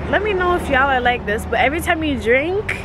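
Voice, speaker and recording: A woman's voice: high voice, expressive, fast talker. A young woman vlogging to her viewers in a playful, slangy, chatty way, filming herself close up with a handheld camera. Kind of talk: casual vlog chat. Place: busy winery tasting room, indoors. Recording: noisy crowded room.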